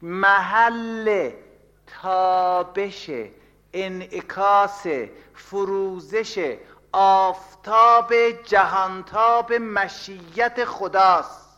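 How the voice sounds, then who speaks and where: A male preacher delivering a sermon in a high, bright, ringing voice. He swings between loud, impassioned declarations and quiet, almost whispered replies. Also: steady tone, dull audio.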